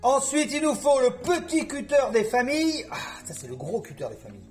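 A man's voice: extremely high pitch, big pitch swings, a little fast, a little mellow, soft background music. A man filming a casual home DIY vlog, talking to viewers in a playful, jokey way, with a put-on southern French accent. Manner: playful, jokey, talks to viewers, hums and sings bits. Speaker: DIY vlogger.

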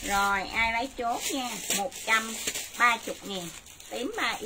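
A woman, selling clothes live and briskly repeating sizes and prices to viewers. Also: on the high side. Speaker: livestream clothing seller. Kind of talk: live sales stream. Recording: noisy livestream audio.

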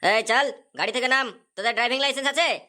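A woman's voice: a little high, fast talker, sharp tone. Woman doing a barking cartoon cop. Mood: angry. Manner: barking orders. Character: short-tempered police officer, man, later fawning.

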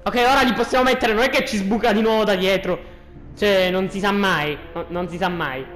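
A gaming host giving casual, joking commentary, excitable and repeating phrases. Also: mid-range voice, brisk, faint music behind.

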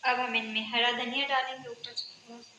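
A woman with a slightly high voice guides viewers through a recipe on her home cooking channel, staying calm and instructive and often closing a step with a quick check-in. The lo-fi audio was captured in an echoey home kitchen, where a pan can be heard frying and sizzling.

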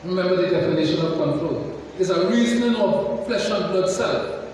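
A man preaching a sermon in a church, slow and deliberate, putting questions to the congregation. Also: high-pitched, darkish tone, a little hiss or hum. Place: large church hall. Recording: echoey church hall from far off.

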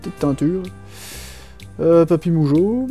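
A man's voice: a little high, slow pace, mellow. A young man giving casual, joking gaming commentary, rambling and slangy as he plays and reads dialogue aloud. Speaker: video game let's player. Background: faint game music.

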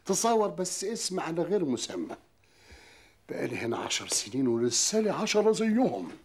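An actor playing a joking prison inmate who greets a newcomer with banter, in a TV drama. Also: male voice, fairly high pitch, very animated, normal speed, breathy edge, exaggerated voice. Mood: jovial. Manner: chuckling, teasing banter. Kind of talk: TV drama acting.

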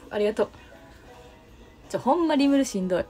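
A woman's voice: high voice, lively intonation, fast, warm tone. Young kansai girl on a livestream, chatty, reading out comments, faint music behind. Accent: Kansai Japanese. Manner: chatty, reads out and answers viewer comments. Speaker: livestream host. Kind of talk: casual livestream chat with viewers.

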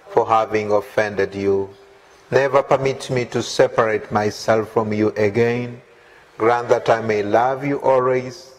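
A man leading the Way of the Cross, reading prayers and scripture in a measured, reverent manner. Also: lowish voice, a little hiss or hum, low-quality recording. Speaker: prayer leader.

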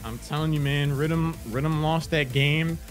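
A man's voice: a little high, fairly even intonation, unhurried. A man giving casual live fighting game commentary, bantering and using slang over the match. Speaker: esports tournament commentator. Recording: music behind the voice.

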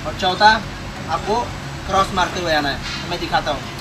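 A man's voice: fairly high pitch, moderate pace, music in the background. A young man with an Indian accent teaching welding step by step, repeating each instruction, recorded on a workshop floor. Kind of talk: hands-on tutorial.

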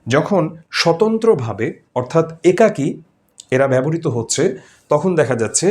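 A man teaching pronunciation. He says the sounds slowly and repeats each example. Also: fairly high pitch. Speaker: language teacher. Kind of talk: pronunciation lesson.

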